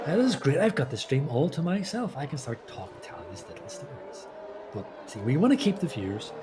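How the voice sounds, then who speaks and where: A man's voice: on the high side, very animated, brisk, noisy background. A man co-commentating a sim race, chatty and rambling through anecdotes with lots of fillers.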